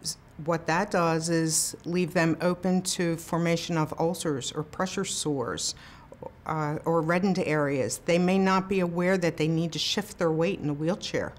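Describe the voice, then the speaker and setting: A woman health professional giving clear, instructive explanations in an interview. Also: low voice, fairly even intonation, a little slow.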